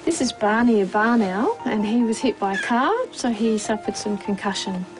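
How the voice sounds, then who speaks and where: A woman who runs an animal rescue centre, explaining her work in a relaxed, plainspoken way with many ums and uhs. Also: mid-range voice, moderate pace, low-quality recording. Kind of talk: casual explaining in interview. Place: wildlife rescue farm. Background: background music.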